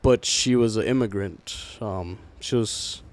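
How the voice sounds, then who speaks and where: With a fairly low, slightly mellow voice at a measured pace, this young podcast host from Southern California trades casual talk with friends. He swears, leans on slang, and loves his filler phrases.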